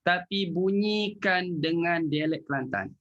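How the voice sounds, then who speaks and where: A man with a Malaysian Malay accent teaching Quran recitation in an online class, recites verses slowly and explains casually. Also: on the high side, a bit bright, highs cut off. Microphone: video call.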